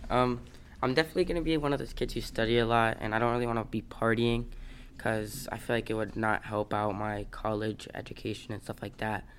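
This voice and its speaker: A man's voice: lowish voice, fairly even intonation, brisk. A teenage boy giving short, blunt answers in a casual chat. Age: teens. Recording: faint background noise.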